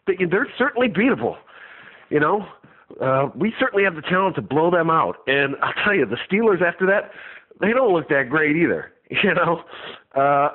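A man from Chicago calling in to a radio show over the phone, chatting casually and cheerfully as a fan. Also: fairly high pitch. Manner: upbeat, chatty, laughs between points. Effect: phone line of a call-in show. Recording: tinny phone line.

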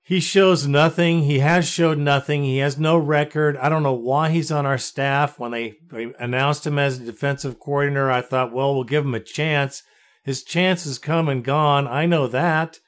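A man's voice: a little high, steady tone, normal speed. An American man hosting a sports fan podcast, talking in a blunt, exasperated, slangy way. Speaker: podcast host.

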